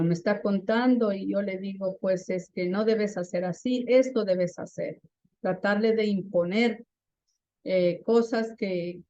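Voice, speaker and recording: A woman's voice: mid-range voice, mellow, dry recording, muffled recording. A woman teaching a class on active listening, often asking her students questions and tagging her points with a questioning "¿no?". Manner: asks the class frequent questions, adds "¿no?" often. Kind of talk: classroom lesson.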